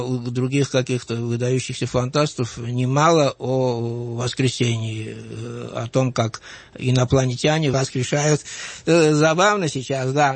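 In this reflective interview, a man in his sixties from Georgia, a writer with a light Georgian accent, recalls his life in a measured, thoughtful way, often pausing on hesitant fillers. His mid-range voice has no room sound.

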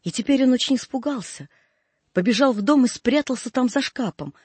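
A man reading a classic story aloud in measured scripted narration. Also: very high voice, animated, a little mellow, breathy edge, no echo. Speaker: audiobook narrator.

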